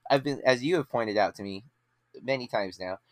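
A man in his late thirties runs a movie podcast, speaking at medium pitch and a little quickly in a dry recording. His casual chatter rambles, with frequent fillers and restarts.

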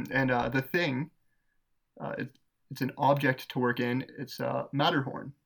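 A man co-hosting a podcast, pitching movie ideas in casual chat, laughing often and rambling with fillers. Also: fairly even intonation, a little slow, gravelly, a bit bright. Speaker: podcast co-host.

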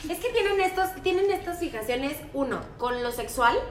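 A woman with a Mexican accent co-hosting a casual chat, telling lively stories and acting out children's voices. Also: sits high, moderate pace. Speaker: podcast co-host. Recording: echoey room with faint noise.

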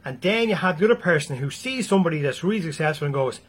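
A man's voice: fairly high pitch, lively intonation, fast talker, breathy edge. A man with an Irish accent giving a blunt, freely swearing motivational talk to his viewers. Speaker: motivational speaker.

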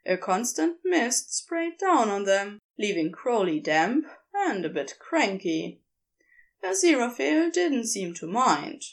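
A woman narrates fiction for an audiobook, taking her time and varying her pitch expressively. Her voice sits a little high and has noticeable fry.

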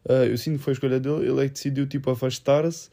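A young man with a European Portuguese accent chats casually, slipping in English phrases. His delivery is rather level, with a gravelly fry and a slightly mellow tone. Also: medium pitch, little pitch movement, rapid-fire. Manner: mixes English phrases into speech. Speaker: film discussion podcast co-host. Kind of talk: casual chat.

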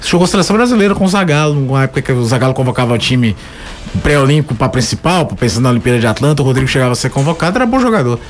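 A man's voice: mid-range voice, expressive, rapid-fire. A Brazilian man giving casual football commentary as a pundit on a talk show.

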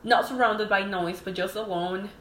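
A woman's voice: medium pitch, normal speed. A young adult woman from Mexico, a podcast guest talking casually and thoughtfully with many ums. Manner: relaxed, frequent ums, thoughtful. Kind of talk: casual interview chat. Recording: echoey room, faint noise.

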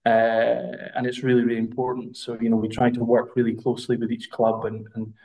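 Scottish male podcast guest, monotone, halting with fillers. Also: medium pitch, gravelly, rough recording. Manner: hesitant, many fillers and restarts. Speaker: brand representative guest. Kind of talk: podcast interview.

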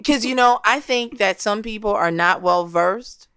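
A woman's voice: medium pitch, measured pace, fairly bright tone, smooth, dry recording, clean studio sound. A woman co-hosting a podcast, teasing and playful in casual crude banter. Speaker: podcast co-host.

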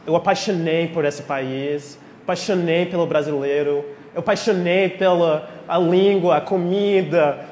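A man's voice: a little high, fairly even intonation, measured pace, hardly any pauses, a little mellow. A man from Texas, a native English speaker, preaching in Portuguese with an American accent in a heartfelt, informal way. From Texas, United States. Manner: heartfelt, emotional, playful asides. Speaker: guest preacher. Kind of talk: informal sermon to a congregation, with prayer. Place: speaking live in a church. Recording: echoey church hall, long reverb, faint noise.

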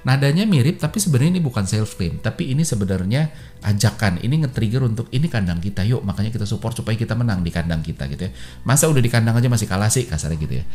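Low-voiced man explaining copywriting casually. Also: animated, fast, mellow. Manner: informal Jakarta slang, many fillers. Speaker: podcast host.

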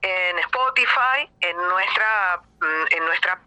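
An Argentine woman in middle age speaks with a very bright, sharp tone. She talks effusively and at length, often restarting her sentences as she chats as a guest musician in an interview. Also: fairly low pitch, lively intonation, slow, rough recording. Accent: Argentine Spanish. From Buenos Aires province, Argentina. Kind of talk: casual interview chat.

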